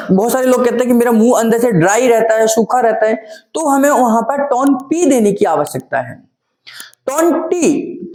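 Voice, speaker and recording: A woman's voice: fairly high pitch, warm tone. A woman teaching a therapy technique, explaining while she points to spots and counts aloud. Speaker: neurotherapy instructor. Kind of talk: hands-on teaching demonstration. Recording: echoey room.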